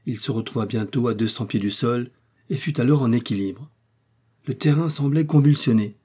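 Husky, dark-voiced male narrator. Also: medium pitch. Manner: steady, measured storytelling. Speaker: audiobook narrator. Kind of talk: scripted narration.

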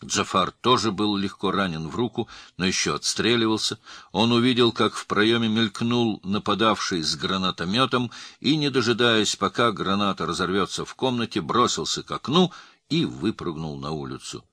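A man narrating an audiobook with tense, measured dramatic storytelling. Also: fairly low pitch, animated, sharp tone, no echo.

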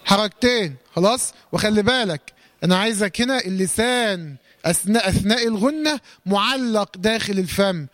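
High-voiced Egyptian man teaching recitation. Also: fairly bright tone. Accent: Egyptian Arabic. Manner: quizzes, corrects, then recites verses slowly and drawn-out. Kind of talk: tajweed lesson, call-and-response drilling.

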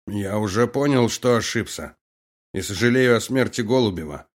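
A man's voice: fairly low pitch, expressive, natural voice. A man reading an audiobook, voicing a tortured male prisoner who groans in pain. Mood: pained, groaning. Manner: pained, groaning, slow.

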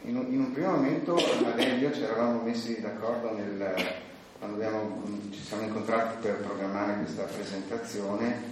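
Low-voiced man at a book presentation, echoey and distant. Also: steady tone. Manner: halting with fillers when speaking freely. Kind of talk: presentation remarks, then reading aloud. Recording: echoey room, distant mic, faint noise.

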